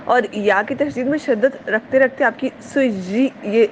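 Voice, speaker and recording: A woman teaching Quranic pronunciation in a tajweed lesson. She explains each sound patiently, repeats it slowly and checks her students understand. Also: a little high, slight background noise.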